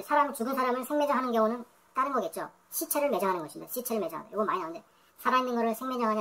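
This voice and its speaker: Fast-talking woman drilling vocabulary. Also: mid-range voice. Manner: repeats words over and over, thinks aloud. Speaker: english vocabulary teacher. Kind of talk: reading dictionary entries aloud with comments.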